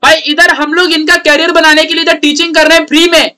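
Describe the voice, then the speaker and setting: A man's voice: very high voice, flat delivery, fast, pushed and bright. A young man from India with an Indian accent, an online tutor mixing chatty teasing and frequent laughs into a casual teaching rant.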